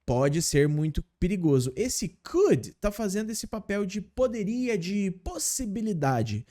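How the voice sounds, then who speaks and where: A man's voice: high-pitched, big pitch swings, a little slow, dark tone. A man teaching English in a casual video lesson, explaining step by step and often checking in with his viewers.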